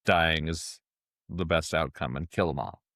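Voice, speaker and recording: A man's voice: extremely low pitch, a little slow, fairly bright tone, dry recording, clean studio sound. A man co-hosting a podcast, chatting about a book in a hesitant, thoughtful way. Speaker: podcast co-host. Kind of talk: casual book discussion. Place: recording studio.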